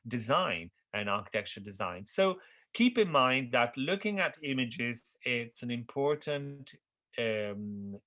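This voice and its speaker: A man's voice: medium pitch, sharp tone. A middle-aged man whose first language is Italian, giving a university lecture on architecture history, thinking aloud with fillers and checking in with "okay?".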